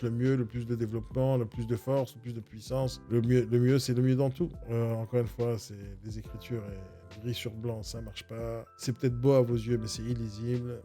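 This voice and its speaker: A man's voice: medium pitch, dark tone. A man who coaches real estate agents gives a blunt, exasperated, mocking casual critique of agency websites.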